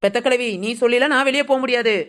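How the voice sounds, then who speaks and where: A sassy young cartoon niece who taunts the grandmother, voiced by a woman. Her voice is high and quick, with a mocking, defiant tone. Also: fairly even intonation, fairly bright tone, lightly acted. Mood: taunting. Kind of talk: cartoon family drama voice acting.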